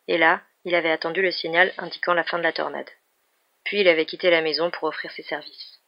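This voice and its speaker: Female novel reader, steady, monotone and gravelly delivery, dull lo-fi recording. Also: fairly low pitch. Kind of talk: audiobook reading of a novel.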